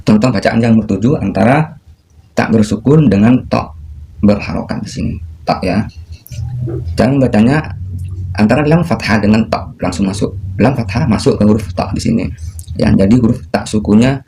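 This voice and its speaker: A man gives a patient recitation lesson, stretching each example out slowly and calling his listeners ladies, gentlemen and younger ones. His voice is mellow, with faint noise behind it. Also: lowish voice. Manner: clears throat often. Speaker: Quran recitation teacher. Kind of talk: tajweed lesson.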